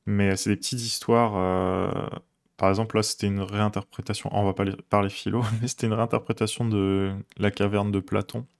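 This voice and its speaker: Low gravelly-voiced man coding live. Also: fairly quick. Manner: relaxed, rambling, many fillers, chuckles often. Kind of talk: casual live-coding stream chat.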